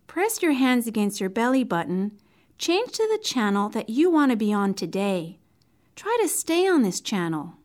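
A woman leading a scripted breathing and mindfulness exercise for children, speaking gently and simply, drawing out the calming cues. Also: on the high side, normal speed. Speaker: guided relaxation instructor for children.

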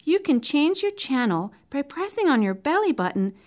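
A woman leading a scripted breathing and mindfulness exercise for children, speaking gently and simply, drawing out the calming cues. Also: high-pitched, normal speed. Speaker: guided relaxation instructor for children.

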